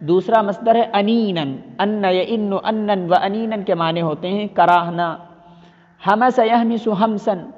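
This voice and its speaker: A man teaching a lesson, reading Arabic phrases and explaining each one several times in other words. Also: sits high. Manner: reads an Arabic phrase, then explains it repeatedly with synonyms. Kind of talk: line-by-line Arabic text translation lesson. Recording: dull lo-fi audio with long reverb.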